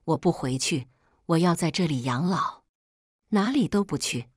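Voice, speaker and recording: A woman's voice: sits low, expressive, normal speed, breathy edge, dry recording, clean studio sound. A woman reading a story, voicing a domineering, unreasonable mother-in-law in her fifties. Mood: angry, scolding. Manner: scolding, unreasonable.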